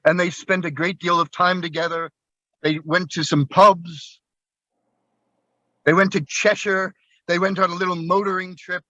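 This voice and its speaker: A man's voice: little pitch movement, moderate pace, pauses often, bright, forceful tone, dry recording, lo-fi sound. A man performing a magic trick, telling a playful, theatrical story as he works. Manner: playful, theatrical, bursts into high whoops. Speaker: magician performing at an open mic show. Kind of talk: storytelling patter during a coin trick.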